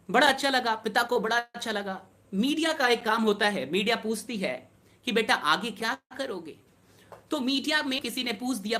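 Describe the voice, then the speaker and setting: A man's voice: sits high, fairly bright tone. A man telling a true-life story with emotion, repeating phrases for emphasis and speaking directly to his listeners. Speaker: motivational storyteller. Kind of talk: emotional storytelling to an online audience.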